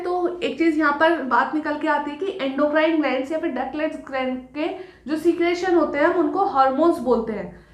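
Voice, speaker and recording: A woman gives a science lesson, reading notes slowly and explaining each point. She poses questions to the class and answers them herself. The sound is roomy and echoey. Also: sits high. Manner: explains step by step, asks and answers her own questions, reads notes slowly. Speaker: science teacher. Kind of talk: recorded classroom lecture.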